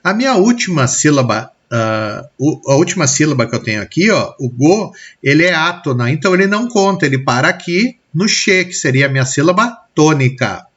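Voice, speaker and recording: A man's voice: fairly high pitch, very animated, brisk, few pauses, a bit bright, slightly rough, dull audio. A man with a Brazilian Portuguese accent teaching a recorded lesson on poetry, explaining step by step and checking in often with his students.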